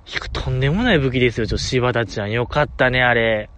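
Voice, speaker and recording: A man's voice: medium pitch, fast, fairly bright tone, a little hiss or hum. A man with a Kansai accent hosting a solo talk show, chatting with enthusiastic, chuckling fan banter. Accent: Kansai Japanese. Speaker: podcast host.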